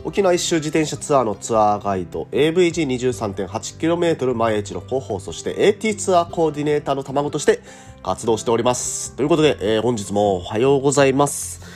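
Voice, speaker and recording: A man with a scratchy, hoarse throat from a cold, speaking as the host of a casual morning radio monologue in a chatty, polite way. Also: medium pitch, expressive, fast talker, darkish tone, faint music behind. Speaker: radio host and cycling tour guide.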